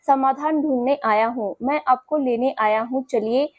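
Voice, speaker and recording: A woman voicing a persistent young man in love who talks softly and gently to coax her in a storybook. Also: sits high, normal speed, no echo, lightly acted. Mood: tender. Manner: soft, gentle and coaxing.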